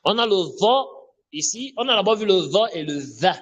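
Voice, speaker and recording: A man teaching Quran recitation, slowly repeating letter sounds and checking in with listeners. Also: sits high, lively intonation, highs cut off. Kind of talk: spoken lesson on Arabic letter pronunciation.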